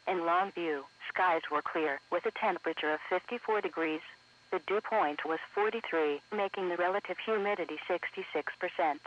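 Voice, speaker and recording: Captured from radio for an online stream, this muffled lo-fi weather broadcast features a man with a high, fairly bright voice. He delivers scripted weather bulletins as an announcer, in a formal, segmented and automated style.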